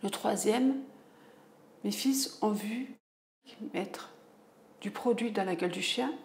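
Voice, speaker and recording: A woman's voice: mid-range voice, takes it slowly, vocal fry, a little mellow. A middle-aged woman giving an emotional personal testimony, acting out the voices she quotes. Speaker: domestic violence victim giving testimony. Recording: echoey room with faint noise.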